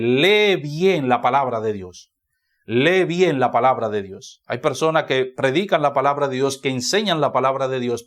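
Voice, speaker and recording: A man with a Dominican Spanish accent, a pastor preaching a sermon in church, who repeats key phrases for emphasis. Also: on the high side.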